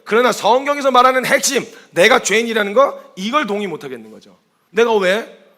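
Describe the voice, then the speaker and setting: A man preaching a sermon as a missionary, animated and storytelling, acting out quoted speech and asking rhetorical questions. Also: very high-pitched, fast talker.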